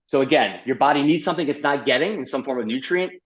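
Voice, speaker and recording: A middle-aged man, a doctor as guest, telling his story in a lively podcast interview, full of fillers and "like". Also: medium pitch, quick pace, highs cut off. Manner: animated, uses many fillers and "like".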